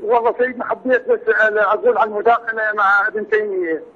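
A man's voice: high-pitched, little pitch movement, fast. Man on a choppy, cutting-out phone line. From Iraq. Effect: choppy phone audio that keeps cutting out. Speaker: caller. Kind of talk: phone-in question. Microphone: telephone. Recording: tinny, breaking-up phone line.

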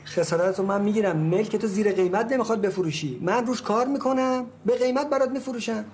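A man's voice: high voice, a little mellow, a little hiss or hum, close to an everyday voice. A man playing a blustering real estate agent. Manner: soothing, then blustering and threatening. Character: blustering middle-aged male real estate agent, father.

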